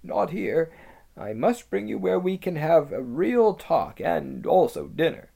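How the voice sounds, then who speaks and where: A man puts on a nervous talking beaver from a storybook, hoarse and throaty, always half-whispering. The voice rides higher than plain speech and lurches up and down with a gravelly edge. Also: sing-song, measured pace, exaggerated voice. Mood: confiding. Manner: urgent, hushed and cautious. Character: wary, secretive male talking beaver.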